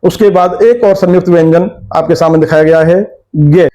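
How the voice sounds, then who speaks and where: A man teaching a school language lesson, explaining a textbook lesson and spelling words out letter by letter in a slow, methodical way. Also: a little high, dark tone, rough recording.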